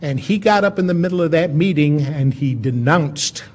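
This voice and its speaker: This storyteller's voice sits on the high side as he gives a relaxed, folksy history lecture. He keeps it conversational and leans on dramatic pauses.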